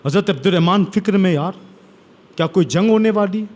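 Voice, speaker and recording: A man with a high voice delivers a sermon from India, retelling stories with dramatic flair. He repeats phrases for emphasis and builds to strong, declaiming peaks. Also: a little mellow. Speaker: preacher. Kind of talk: sermon storytelling.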